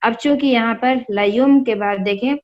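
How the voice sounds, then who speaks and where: A woman teaching Quran reading, spelling out each word letter by letter and explaining the rules in a slow, patient way. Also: a little high, muffled recording.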